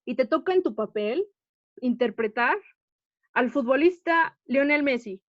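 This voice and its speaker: A woman's voice: high-pitched, lively intonation, a little slow, dry recording. A woman teaching an acting class, explaining patiently and often checking that the students follow. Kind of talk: online class lecture. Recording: dull, dry lo-fi audio.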